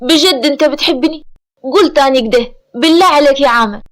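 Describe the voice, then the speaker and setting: A woman's voice: sits high, fast talker, a bit bright. Woman reading as a pleading young Egyptian wife. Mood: emotional. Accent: Egyptian Arabic. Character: young loving wife, emotional and anxious.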